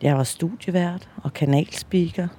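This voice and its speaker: A woman's voice: fairly low pitch, warm tone, breathy edge. A middle-aged woman from Denmark hosting a personal audio diary, hesitant and self-deprecating, with many fillers, recorded on a handheld mic that pops. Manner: slow, reflective voice-over narration. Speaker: podcast host. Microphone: handheld mic that pops on P sounds.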